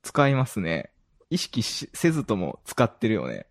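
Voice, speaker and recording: A man's voice: on the low side, huge pitch swings, moderate pace. A man with an Osaka-area Kansai accent chatting casually and giggly as a podcast host. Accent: Kansai (Osaka-area) Japanese. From Kansai, Japan. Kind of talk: casual chat.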